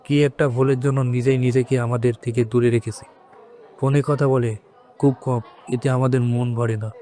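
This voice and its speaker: A man voicing a gentle, loving middle-aged father in an audio story. He speaks softly and tenderly. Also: mid-range voice, level tone, normal speed, lightly acted. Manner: soft and tender.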